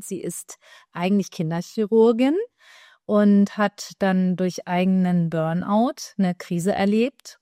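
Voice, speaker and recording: A woman's voice: medium pitch, warm tone, dry recording, studio quality. A woman hosting a podcast, introducing her guest in a chatty, enthusiastic way. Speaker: podcast host. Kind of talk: casual podcast chat.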